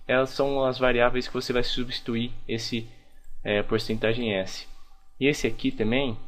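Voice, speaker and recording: A young man teaching a programming lesson over a screen recording, talking casually and thinking aloud with frequent restarts. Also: mid-range voice. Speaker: programming instructor.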